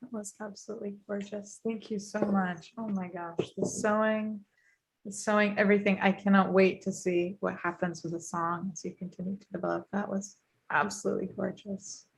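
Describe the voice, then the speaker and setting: A woman's voice: medium pitch, level tone, moderate pace, gravelly, poor audio. A woman speaking casually in an effusive, exclamatory manner. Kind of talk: casual conversational reaction.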